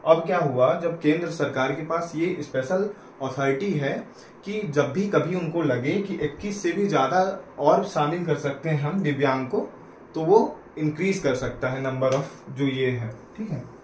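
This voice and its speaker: A man's voice: on the high side, measured pace, reverberant, a little hiss or hum, rough recording. A man from Uttar Pradesh, India, giving a casual exam-prep lecture who explains things step by step and keeps checking in with "right?" and "okay?". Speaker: teacher-exam coach.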